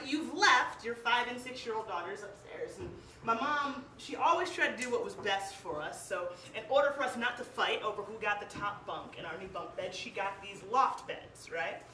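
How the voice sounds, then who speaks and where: A woman's voice: on the high side, expressive, moderate pace, pushed and bright, a little hiss or hum. A young woman from Ohio performing spoken word poetry in a small venue, emphatic and emotional, with lots of "like"s. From Cleveland, Ohio. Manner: emotional, emphatic delivery with many "like"s. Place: small live music venue. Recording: roomy echo, heard from a distance.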